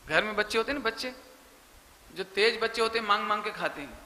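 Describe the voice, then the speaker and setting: A man giving a religious sermon, animated and emphatic, speaking directly to his listeners. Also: sits high, fast. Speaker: Jain preacher. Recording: echoey hall with faint noise.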